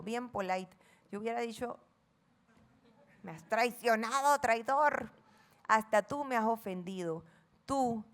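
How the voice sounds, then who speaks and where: A middle-aged woman with a Panamanian accent preaching a sermon, reading scripture dramatically and asking the congregation questions. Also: mid-range voice. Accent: Panamanian Spanish. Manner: playful asides acting out friends' chatter.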